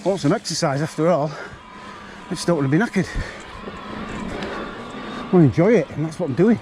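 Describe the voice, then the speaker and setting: A man on an e-bike climbing a forest trail chats bluntly to his camera, slightly winded, as a mountain biking vlogger. He speaks a little fast in a voice on the high side with lively intonation, and the background is noisy.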